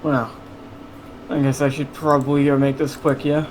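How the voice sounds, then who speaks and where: A man voicing a calm, loyal young man in a tabletop game, speaking in a low-key, easygoing way. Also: normal speed, a little hiss or hum, close to an everyday voice, rough recording.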